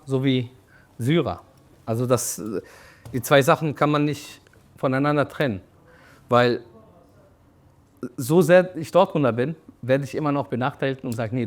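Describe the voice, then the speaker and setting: In a documentary interview, a young Syrian man who owns a shop and works as a referee speaks reflectively at a medium pitch, using fillers and restarting his sentences.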